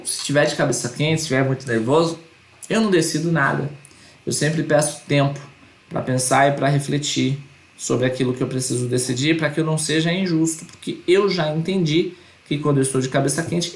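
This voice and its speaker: A man's voice: fairly high pitch, fairly quick, roomy sound. A man teaching an online course lecture, earnest and repeating his points with tag questions.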